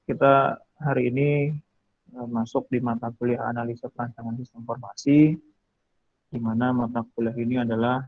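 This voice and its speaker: A man's voice: mid-range voice, little pitch movement, moderate pace, no echo, narrow, tinny audio. Faint man lecturing, far from the mic. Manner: hesitant, many fillers. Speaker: university lecturer. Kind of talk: online lecture.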